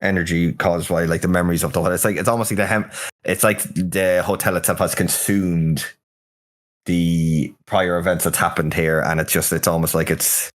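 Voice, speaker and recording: A man's voice: low voice, flat delivery, normal speed. An Australian man co-hosting a podcast, talking through a film in a rambling way and repeating words as he hunts for them over an online call. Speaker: podcast co-host. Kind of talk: casual film discussion.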